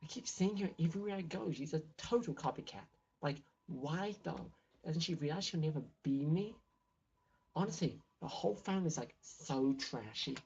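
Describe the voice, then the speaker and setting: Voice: mid-range voice, animated, normal speed, gravelly, a little mellow, dull audio, slight background noise. A player reading game dialogue aloud as a snobbish, gossipy teenage girl with a drawling valley-girl manner full of "like". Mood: sneering.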